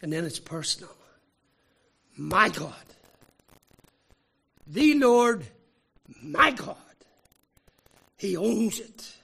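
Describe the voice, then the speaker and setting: High, slow preacher. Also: male voice, sing-song, gravelly, a bit bright, slightly rough. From Northern Ireland. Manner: emphatic, rhetorical questions, deliberate pauses. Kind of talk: sermon.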